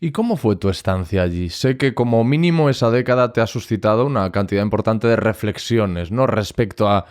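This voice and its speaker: A man's voice: lowish voice, a little fast, few pauses, a little mellow, no echo, clean studio sound. A man hosting an interview podcast, asking curious, probing questions. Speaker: podcast host.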